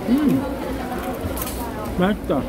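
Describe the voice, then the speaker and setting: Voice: medium pitch, expressive, drawn-out words. A food vlogger at a busy outdoor market stall who talks with a mouth full while chewing, murmuring savoring approval between bites. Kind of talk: eating show vlog. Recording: loud crowded market noise.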